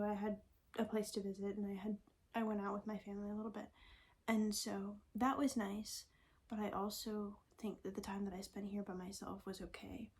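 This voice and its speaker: A young woman talking in a casual, reflective vlog, soft-spoken and often slipping into a breathy half-whisper as she thinks aloud. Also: medium pitch. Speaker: vlogger.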